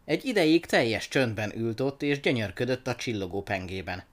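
A man narrating a children's story aloud in an expressive, animated reading. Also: medium pitch.

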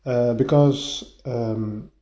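In a half-furnished bedroom with a bit of echo, a podcast host talks a casual solo monologue into his phone's voice-note app, yielding dull, lo-fi sound. His mellow voice is medium-pitched with fairly even intonation, and he stumbles along haltingly, repeating words as he restarts.

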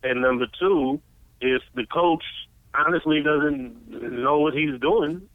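A man calling in by phone to a sports talk show, speaking in a measured way with many "you know" fillers. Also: a little high, no echo. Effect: heard over the phone. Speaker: sports talk call-in guest. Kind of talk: casual sports chat. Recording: tinny dry phone line.

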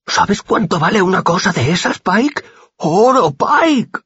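A man voicing a crude, greedy street boy who jeers and taunts loudly. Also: sits high, very animated, brisk, slightly rough, dry recording, dull audio, voice pushed up, heavily acted. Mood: greedy excitement. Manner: loud, crude, jeering.

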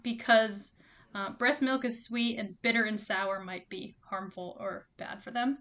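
A woman's voice: mid-range voice, fairly even intonation, measured pace, fairly bright tone. A woman co-hosting a casual chat show, reading out facts with playful, giggly asides. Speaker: podcast co-host.

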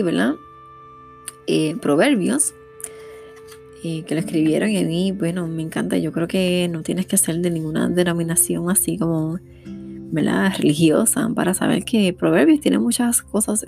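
A woman's voice: on the low side, vocal fry, warm tone. A middle-aged woman with a Puerto Rican accent, talking casually about parenting and peppering her speech with "¿verdad?". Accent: Puerto Rican Spanish. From Puerto Rico. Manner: conversational, frequent "¿verdad?" fillers. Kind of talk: casual monologue.

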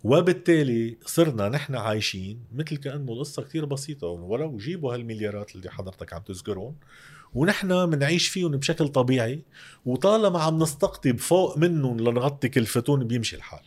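Male Lebanese economic commentator, interview guest, quick delivery, emphatic and explanatory. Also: medium pitch, animated. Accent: Lebanese Arabic. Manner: emphatic, uses rhetorical questions.

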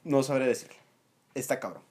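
A man's voice: medium pitch, animated, a little fast, darkish tone. A man in a joking casual chat, laughing and giving short replies that deny things. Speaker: guest.

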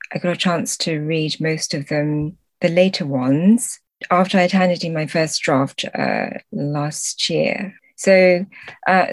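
A literary translator appears as a podcast guest, a middle-aged woman born in Guangzhou, China, who moved to the UK young and grew up there. Her voice is fairly low, recorded with no room sound, and her interview answers are thoughtful and explanatory.

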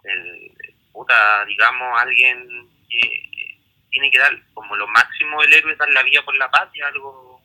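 A man's voice: medium pitch, a little slow, pushed and bright, poor audio. A man with a Chilean accent casually discussing history, rambling with many restarts and fillers. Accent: Chilean Spanish.

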